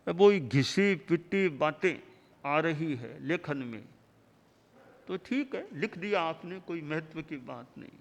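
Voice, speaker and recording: Guy giving a sermon, slow and a bit high, lots of hall echo, short repeated phrases. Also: fairly bright tone. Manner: measured, rhythmic lists of short phrases. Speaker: spiritual teacher. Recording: long hall reverb.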